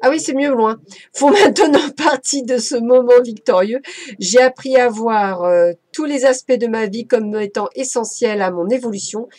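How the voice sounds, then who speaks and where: A woman's voice: on the high side, normal speed, a little mellow, no echo. A woman giving a casual, playful oracle card reading as a medium, chatty and effusive. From France.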